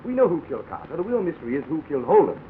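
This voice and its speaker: An American actor playing a reluctant, exasperated writer, dry and protesting, in a 1930s Hollywood film. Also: male voice, fairly high pitch, huge pitch swings, very fast. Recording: tinny, noisy 1930s film soundtrack.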